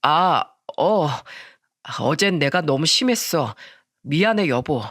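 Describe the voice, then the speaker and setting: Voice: mid-range voice, expressive, slow, a bit bright, no room sound, clean studio sound, voice pushed down. A narrator voicing a self-justifying young husband who argues with his wife and father. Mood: pleading. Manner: pleading then defiant.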